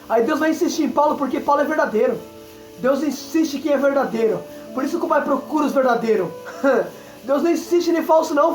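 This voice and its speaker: Fervent high-voiced evangelist man. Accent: Brazilian Portuguese. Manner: fervent, repeats "entenda isso aqui", exclaims aleluia. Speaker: evangelist preacher. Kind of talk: Pentecostal sermon. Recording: echoey room with faint music. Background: faint music.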